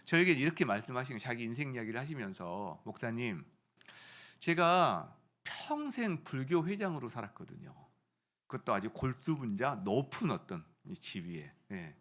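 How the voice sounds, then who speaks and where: A middle-aged man preaching a sermon as pastor, swinging from loud rising phrases to soft storytelling. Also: medium pitch.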